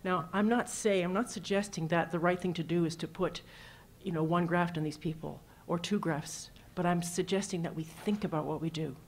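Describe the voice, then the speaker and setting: Low-voiced woman presenting surgical cases. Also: steady tone, normal speed, few pauses, slight background noise. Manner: casual, anecdotal, walks through slides with numbers. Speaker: cardiac surgeon presenting at a symposium. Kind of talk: conference presentation.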